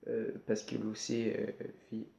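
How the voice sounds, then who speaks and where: A man's voice: fairly low pitch, monotone, moderate pace, vocal fry, warm tone, slight background noise. A man from Canada, talking casually through a list of places while reading his notes, full of hesitations and joking asides. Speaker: YouTuber. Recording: roomy, somewhat dull home recording.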